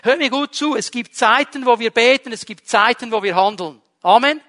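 A high-pitched man delivers a lively sermon. He throws rhetorical questions at his listeners and shifts between loud emphasis and quiet, hushed lines. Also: normal speed. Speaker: preacher.

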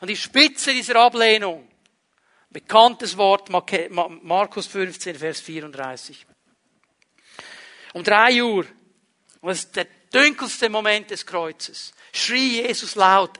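A man delivering a sermon in a high, bright voice with a sharp edge. He slows down to hammer home key phrases, then drops to near-whispered lows before rising again. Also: animated. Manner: swings from emphatic declaring to hushed, intimate lows. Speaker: preacher.

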